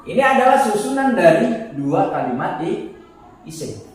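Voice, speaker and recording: A man giving a casual grammar lesson, explaining slowly, repeating terms and restarting words. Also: high voice, very animated. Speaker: teacher of Arabic grammar. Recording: echoey room, voice far from the mic.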